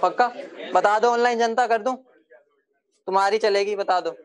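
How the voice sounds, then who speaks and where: A man teaching a chemistry class, casual and repetitive, often telling students to be quiet. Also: high-pitched, steady tone, moderate pace. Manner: chatty, repeats himself, hushes the class. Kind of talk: classroom lecture.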